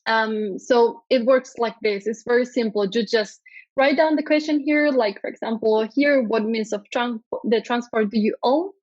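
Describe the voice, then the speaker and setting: This Spanish-accented woman from Spain speaks at a fairly high pitch with a darkish tone and a moderate pace, presenting a conference talk via video call. She sounds hesitant, with lots of ums and uhs, and the audio has no room sound and lacks highs.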